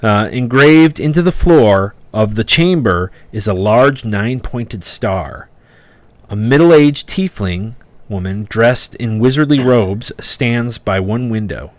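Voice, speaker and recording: A man narrating a tabletop fantasy game as game master, conversational and descriptive, a bit halting as he improvises. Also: fairly low pitch, expressive, dry recording.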